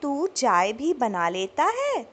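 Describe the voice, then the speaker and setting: A woman voicing an elderly grandmother who dotes on her grandson, speaking slowly and fondly, with a tart edge. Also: on the high side, wildly swooping pitch, exaggerated voice. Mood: doting. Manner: slow, drawn-out, fond speech.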